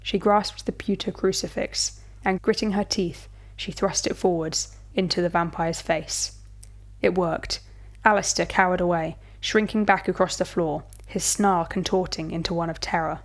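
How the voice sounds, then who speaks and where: Female storyteller, lower voice, measured and dramatic horror narration. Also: fairly even intonation.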